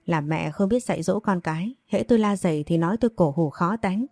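A furious middle-aged father in an audio story heaps harsh reproach on his family, voiced by a woman reader. The tone is low, mellow and dry. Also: brisk, husky, dry recording. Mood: angry scolding. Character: angry middle-aged father, shouting and scolding.

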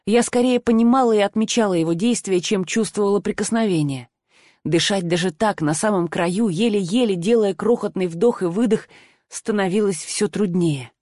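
A woman narrates a first-person audiobook in a measured, even manner. Her voice sits at a middle pitch. The recording is dry and close. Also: no room sound.

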